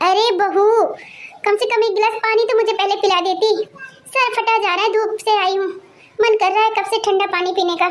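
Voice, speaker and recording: A woman's voice: very high voice, fairly bright tone. A woman voicing a tired, thirsty old grandmother in a cartoon who grumbles and scolds. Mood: scolding. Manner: scolding, complaining, chatty. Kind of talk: cartoon character voice.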